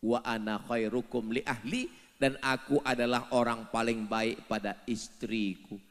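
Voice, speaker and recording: A man preaching a humorous sermon, joking, swinging between loud outbursts and soft asides, at times breaking into chanted song. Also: medium pitch, steady tone, measured pace, long reverb tail. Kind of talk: humorous sermon with sung passages.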